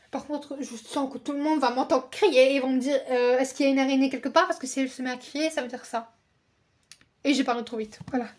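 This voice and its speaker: A woman's voice: sits high, fairly even intonation, a little fast, a little mellow. A young woman hosting a reaction video, chatting casually with rambling, self-correcting asides and acting out lines in exaggerated voices. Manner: playful, reads the characters' lines aloud in exaggerated voices.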